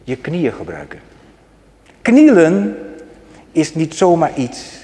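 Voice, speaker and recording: A man preaching a sermon to his congregation. He asks them questions and moves between loud exclamations and soft asides. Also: on the high side, expressive, measured pace. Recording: long hall reverb.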